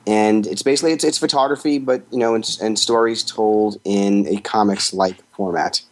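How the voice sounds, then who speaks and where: A man's voice: on the low side, normal speed. A man, a photographer, answering questions in a casual interview with rambling, thoughtful explanations. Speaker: guest, photographer.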